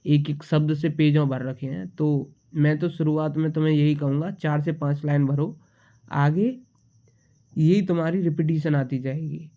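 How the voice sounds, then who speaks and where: Man with a cold teaching shorthand, dull sound. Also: on the high side. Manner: patient, repeats each symbol while writing. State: has a slight cold. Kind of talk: casual tutorial explanation.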